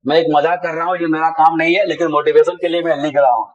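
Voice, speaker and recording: A man's voice: fairly high pitch, steady tone, fast, muffled recording. A man teaching a spelling lesson who drills letters and syllables aloud in long lists. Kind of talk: classroom-style spelling lesson.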